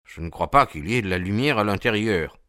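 Nervous fussy gentleman, read by a man, anxious and hurried, audiobook, dry sound. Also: on the low side, animated, no echo.

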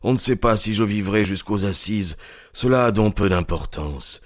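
A man's voice: fairly low pitch, lively intonation, moderate pace, no echo, clean studio sound, close to an everyday voice. An actor playing a remorseful old man who is dying, speaking in a heavy, weary, pleading way.

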